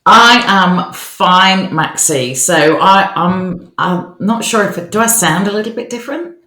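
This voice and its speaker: A woman's voice: lowish voice, expressive, unhurried, pushed and bright. An Australian woman co-hosting a podcast in casual, upbeat chat, recorded in a new bare office that sounds echoey. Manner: upbeat, chatty, cheerful. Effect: echoey bare room. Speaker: podcast co-host.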